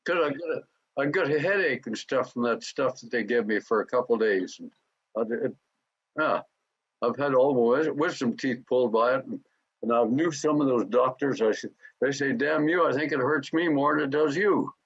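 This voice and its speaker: A man in his nineties, a war veteran, recounting his memories in an interview, halting and often repeating words. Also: mid-range voice, slightly rough, no room sound. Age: 90s. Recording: dull lo-fi recording.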